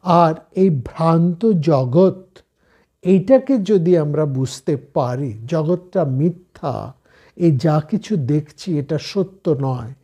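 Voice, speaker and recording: A man with a Bengali accent giving a slow, measured scripture discourse, explaining each point step by step. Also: fairly high pitch, dark tone, husky, muffled recording. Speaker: spiritual speaker.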